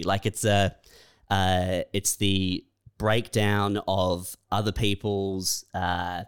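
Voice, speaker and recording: A man's voice: lowish voice, clean tone. A man co-hosting a podcast, speaking hesitantly and filling his sentences with "uh" and "like". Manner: hesitant, full of filler words. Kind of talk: casual comedic chat.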